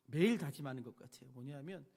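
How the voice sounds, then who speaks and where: A male pastor giving a sermon, telling personal stories with animated swings between hushed and loud delivery. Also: mid-range voice, fast, gravelly, husky. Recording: long hall reverb.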